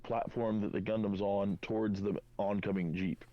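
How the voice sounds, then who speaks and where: A man narrating a tabletop game as game master, halting often with fillers, on a dull lo-fi recording. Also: lowish voice, fairly even intonation.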